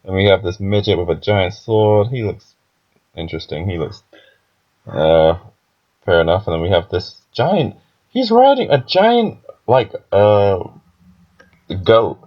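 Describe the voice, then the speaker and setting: Speaking unhurriedly with long pauses, this deep-voiced young man gives a casual commentary on a comic chapter. His talk meanders, full of filler words and laughter, captured in a dull lo-fi recording.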